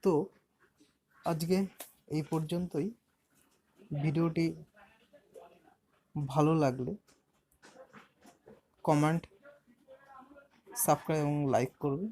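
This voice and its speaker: A man teaching a beginner language lesson, patiently explaining, spelling words out letter by letter and slowly stretching syllables. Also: on the high side, steady tone, dark tone, a little hiss or hum. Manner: patient, explanatory, asks and answers his own questions.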